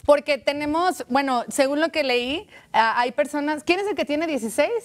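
A Mexican woman in her thirties hosting a TV music show, interviewing a band in a studio with a handheld mic, chatty and playful. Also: sits high. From Aguascalientes, Mexico. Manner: chatty, playful, quick asides.

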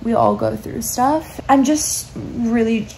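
A woman's voice: fairly high pitch, slow pace, creaky, slight background noise, low-quality recording. A woman in her twenties, lying in bed, chatting casually into a phone camera about her life in a reflective, meandering way. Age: 20s. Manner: reflective, meandering, soft-spoken. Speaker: vlogger. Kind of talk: casual confessional chat. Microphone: phone camera held at arm's length.

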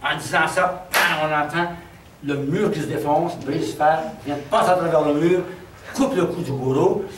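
A man with a Québécois accent telling a traditional folk tale in an animated, dramatic way. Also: fairly high pitch, normal speed, a little hiss or hum. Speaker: storyteller. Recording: roomy, distant mic, faint background.

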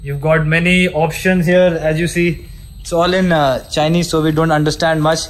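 This Indian seafarer vlogger chats casually and eagerly while showing viewers around a cargo ship, from its outdoor decks to the indoor day room, holding his camera at arm's length. He has a fairly high-pitched voice, a flat delivery and a moderate pace. His talk is chatty and enthusiastic, with restarts and fillers throughout.

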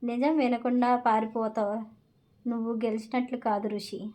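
A woman's voice: on the high side, level tone, moderate pace, dark tone, close to an everyday voice. A woman reading as a stern older father. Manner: firm, lecturing.

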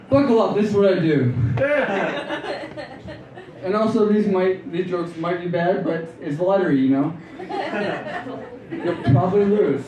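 A man doing an open-mic stand-up set on a club stage, talking in a halting, rambling way with many restarts. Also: fairly high pitch. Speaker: stand-up comedian. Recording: distant, echoey club with loud crowd. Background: audience laughter.

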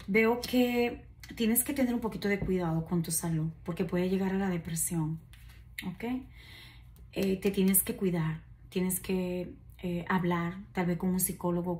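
A woman in her forties giving a casual tarot reading to camera, chatty and reassuring, with many fillers and asides. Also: fairly low pitch. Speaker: tarot reader. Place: decorated indoor room at a table.

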